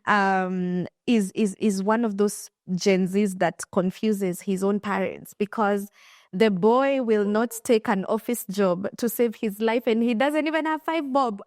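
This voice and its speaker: Hosting a casual interview, a young Kenyan finance coach and podcaster spins animated stories, frequently starting sentences over, in her Kenyan accent. Her mid-range voice moves a little slowly, and the clean studio sound carries no room ambience.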